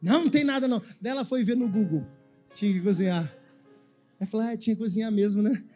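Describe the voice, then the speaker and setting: A man with a Brazilian Portuguese accent preaching a sermon as a pastor. He tells a story quietly, then breaks into a sung, shouting preaching cadence. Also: sits high, fast talker, faint music behind.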